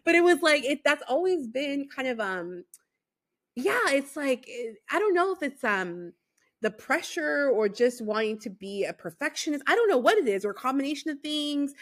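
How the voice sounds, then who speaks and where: A woman from Los Angeles, USA, hosts a podcast, her high voice swinging widely in pitch at a normal speed with a fairly bright tone. It's a casual interview chat, animated, with plenty of fillers and laughter.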